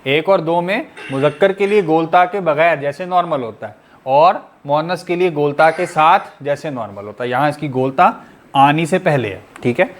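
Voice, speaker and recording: A man's voice: fairly high pitch, normal speed. A man teaching an online class, explaining step by step and quizzing his students with repeated questions. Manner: patient, methodical explaining.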